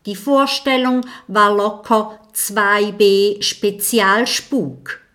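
A woman's voice: mid-range voice, fairly even intonation, very slow, bright, forceful tone. A woman voicing a teasing young male badger in an audiobook. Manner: teasing, whispering asides. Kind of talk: audiobook character voice.

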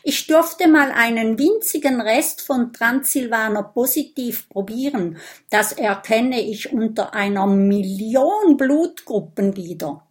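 A woman's voice: a little high, expressive, takes it slowly. A woman voicing an anxious young vampire boy in an audiobook, in a raised, boyish voice. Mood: insistent. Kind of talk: audiobook character voice.

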